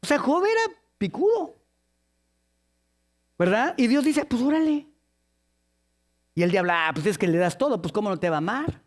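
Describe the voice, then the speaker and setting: A man delivers a sermon in a very high voice. He tells the story with humor and slips into different voices for its characters, then turns earnest as he draws out the lesson. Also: a little fast, pauses often. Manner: lively storytelling with jokes, acting out the people in the story. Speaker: preacher.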